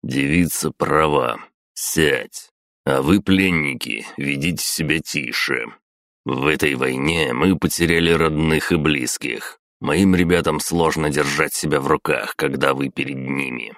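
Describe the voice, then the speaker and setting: A man's voice: rumbling low, creaky, a bit bright, no echo, clean studio sound, exaggerated voice. A man playing a stern, curt army colonel. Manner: curt, measured. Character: gruff male army colonel, stern and authoritative.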